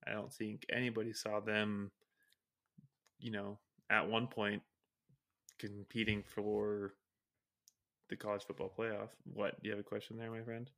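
A man's voice: lowish voice, level tone, a little slow, pauses often, a bit bright. A man co-hosting a casual sports chat, talking loosely with lots of restarts and filler words. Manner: loose and chatty, frequent "like" and trailing restarts. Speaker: co-host.

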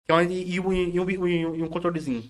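A man chatting casually as an interview guest, halting and repeating words and phrases as he goes. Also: high-pitched, little pitch movement. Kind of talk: casual chat.

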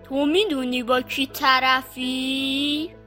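A woman's voice: high voice, animated, fairly bright tone, soft background music, pitched above the performer's own voice. A woman doing a grumpy proud boar. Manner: gruff, haughty, sulky. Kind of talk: storybook reading for children.

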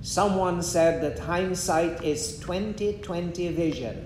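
A man, preaching in short measured phrases and pausing after each one for an interpreter. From Guyana. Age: 70s. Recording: echoey room with a faint rumble.

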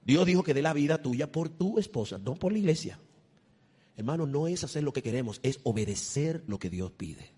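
A middle-aged male preacher giving an impassioned sermon, swinging between loud exhortation and hushed, intimate asides. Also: on the high side, animated, normal speed, slightly rough.

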